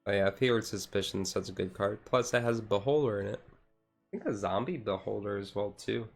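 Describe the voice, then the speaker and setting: The streamer talks fairly quickly in a lowish, creaky voice, chatting casually on a relaxed ASMR chill stream. He rambles and hedges with repeated "like" and "and stuff," while faint music runs in the background.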